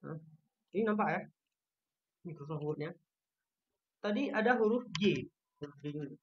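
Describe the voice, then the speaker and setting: An Indonesian teacher of Turkish gives an online lesson with a shared screen, patiently and slowly repeating each letter sound to show its pronunciation. The voice is medium-pitched and expressive, and the highs are cut off.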